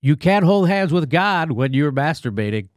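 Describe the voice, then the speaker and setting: A man's voice: fairly high pitch, very animated, normal speed, no echo, studio quality. A male host giving comedic political commentary in a sarcastic, mocking and profane way.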